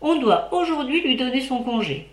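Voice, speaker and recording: A woman's voice: high-pitched, expressive, moderate pace, voice pushed up. A woman voicing a young male apothecary's assistant passing on gossip in a chatty, confiding manner. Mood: gossipy. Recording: roomy echo.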